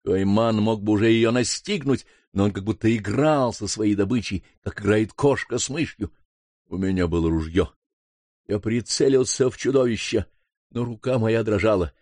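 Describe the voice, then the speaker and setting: A man reading a first-person adventure novel aloud in a steady storytelling manner. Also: on the low side, normal speed, dry recording. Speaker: audiobook narrator.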